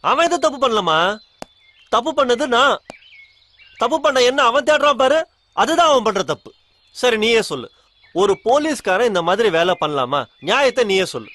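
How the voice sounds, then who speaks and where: A man's voice: extremely high pitch, expressive, normal speed, long pauses, sharp tone, exaggerated voice. An actor playing a scheming, taunting male kidnapper in a TV serial who laughs often and mixes in English words, with music behind. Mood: gloating. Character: mocking male kidnapper villain, scheming and gloating. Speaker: villain in a TV serial. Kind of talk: TV serial acting.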